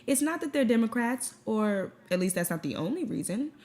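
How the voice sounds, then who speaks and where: A woman's voice: fairly high pitch, very animated, fairly quick, darkish tone. A young woman co-hosting a scripted comedic news show, reading with sarcastic jokey asides. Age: young adult. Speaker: co-host.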